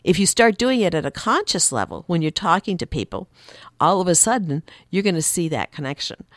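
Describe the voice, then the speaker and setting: A woman's voice: a little fast, dry recording. A woman working as a communication coach, a guest chatting casually at a studio desk mic and acting out quoted voices now and then. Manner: acts out quoted voices with lively pitch swings. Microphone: desk microphone.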